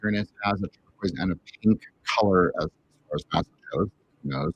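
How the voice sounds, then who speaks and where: A man's voice: low voice, fairly quick, gravelly, a little hiss or hum. A man on a video call whose faulty mic makes him sound muffled, as if through a wall. He talks in a hesitant way, correcting himself and apologizing. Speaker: co-host. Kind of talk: casual video call discussion.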